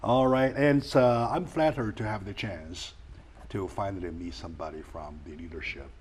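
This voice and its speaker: Low-voiced male host, halting speech. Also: darkish tone, husky. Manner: halting, many fillers and restarts. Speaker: talk show host. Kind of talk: casual interview.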